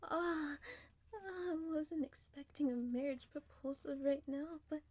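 A woman speaking in a soft, mostly whispered voice, affectionate and intimate, in an audio roleplay. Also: high-pitched, measured pace.

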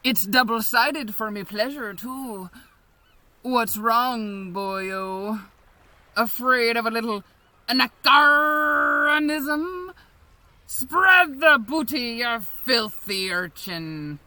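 A woman's voice: a little high, drawn-out words, pushed and bright, dry recording, heavily acted. A woman voicing a bawdy, domineering female pirate captain in a stage-pirate brogue with growled arrs, mocking and commanding. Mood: domineering swagger. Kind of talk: adult audio roleplay.

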